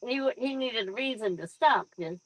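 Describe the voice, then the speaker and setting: A woman's voice: fairly high pitch, expressive, normal speed, a crowd in the background, rough recording. A woman co-hosting a podcast, chatting casually with short agreeing replies. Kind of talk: casual chat.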